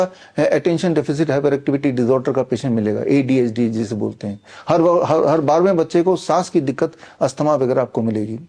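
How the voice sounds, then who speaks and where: A man's voice: on the high side, mellow. A middle-aged man giving an insistent, combative monologue straight to the listener, with frequent "uh" fillers as he promotes his books and a training program. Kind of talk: persuasive direct-to-camera monologue.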